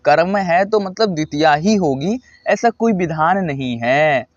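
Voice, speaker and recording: A man's voice: fairly high pitch, lively intonation, a little slow, dry recording. A man teaching Sanskrit grammar to students, patient and repetitive, often checking in with his listeners. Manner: patient, repeats points, frequent "thik hai" check-ins. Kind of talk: explaining lesson to students. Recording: dull lo-fi dry sound.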